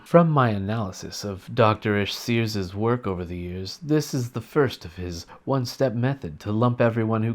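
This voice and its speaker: A man delivering a scripted sarcastic comedy rant in a mock-earnest, deadpan manner. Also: lowish voice. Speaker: satirical commentator.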